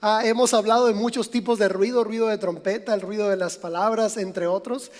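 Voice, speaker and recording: In a church sanctuary with long reverb, a pastor with a Mexican Spanish accent preaches in a conversational way, speaking straight to his listeners. His voice sits high and darkish, with fairly even intonation and a slightly fast pace.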